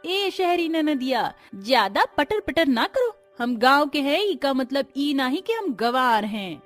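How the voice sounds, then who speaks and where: A brash young village bride, as a woman puts her on, talks back in a loud, drawling Bhojpuri-tinged eastern Hindi dialect, her voice pitched up high and lively. Faint music hums under this cartoon story. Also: measured pace. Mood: sassy.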